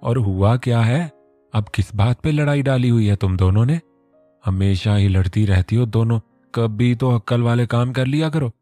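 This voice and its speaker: A man's voice: mid-range voice, moderate pace, dark tone, no echo, soft background music, lightly acted. A man voicing a scolding but affectionate middle-aged mother in a storybook reading.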